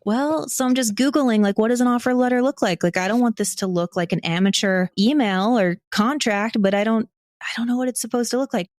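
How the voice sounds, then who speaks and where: This dry, studio-quality recording features a slightly high-pitched woman talking briskly. As an audio drama creator guesting on a podcast, she's casual and frank, says "like" a lot, and quotes herself with lively reenactments of what she was thinking.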